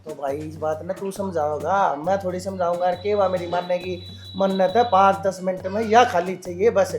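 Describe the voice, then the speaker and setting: A man's voice: high-pitched, fairly even intonation, moderate pace, faint music behind, close to an everyday voice. An actor playing a complaining old father with an upset stomach, speaking with a Haryanvi accent. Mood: grumbling. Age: older. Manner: complaining, exasperated.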